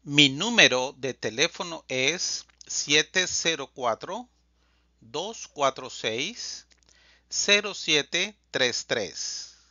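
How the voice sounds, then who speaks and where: A man teaching a language lesson, reading phrases slowly and deliberately and repeating them for learners. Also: a little high, lively intonation, sharp tone, no room sound, lo-fi sound. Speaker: Spanish teacher. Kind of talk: slow scripted language lesson.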